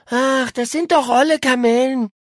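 A woman voicing a sharp-tongued, easily bored girl in an audiobook, dismissive and snippy. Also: high-pitched, fairly even intonation, moderate pace, no echo, studio quality, voice pushed up.

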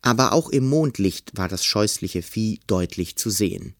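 Lively male storybook narrator. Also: on the low side, normal speed, no echo, clean studio sound. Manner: expressive, acts out scenes. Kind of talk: children's storybook reading.

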